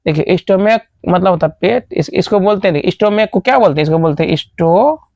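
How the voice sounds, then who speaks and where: A man's voice: high voice, fast talker, vocal fry, darkish tone, no room sound. A man teaching a grammar lesson, spelling words letter by letter and asking questions he then answers himself. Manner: asks the class questions, then answers them. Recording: dull lo-fi dry recording.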